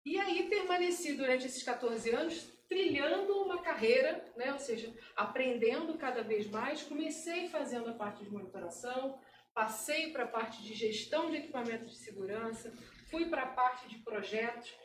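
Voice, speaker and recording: A talkative woman in her forties with a Carioca accent, giving a relaxed tech talk at a meetup. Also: sits high, normal speed, slight background noise. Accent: Carioca Portuguese. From Rio de Janeiro, Brazil. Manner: chatty, talkative, laughs easily. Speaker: guest speaker. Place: event room at a meetup. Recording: roomy hall from a distant mic.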